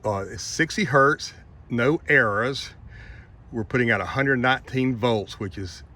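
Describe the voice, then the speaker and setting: A man's voice: fairly low pitch, a bit bright. A middle-aged man giving a casual step-by-step demonstration as an RV vlog host. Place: outdoors at a campsite and in an RV doorway. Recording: clear outdoor and vehicle noise.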